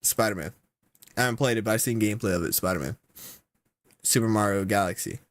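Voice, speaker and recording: A young man giving casual reaction commentary, slangy and exasperated, with sudden loud outbursts. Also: fairly low pitch, quick pace, no room sound. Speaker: content creator.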